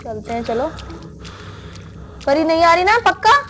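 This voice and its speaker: A woman's voice: very high-pitched, big pitch swings, unhurried, fairly bright tone, a little hiss or hum. A young woman hosting a horror game let's-play, chatting casually to viewers and keeping up a stream of questions to a helper beside her. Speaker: gaming video host.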